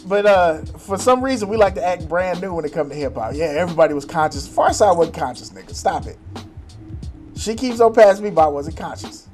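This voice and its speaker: A man co-hosting a casual podcast chat, animated and profane, laughing often. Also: sits high, fairly quick, soft background music. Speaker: podcast co-host.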